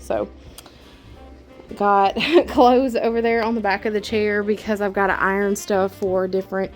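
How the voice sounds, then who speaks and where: Young woman giving a home tour, chatty and relaxed, laughs a lot, handheld cam indoors. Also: mid-range voice. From Louisiana. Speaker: vlogger. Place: inside her home.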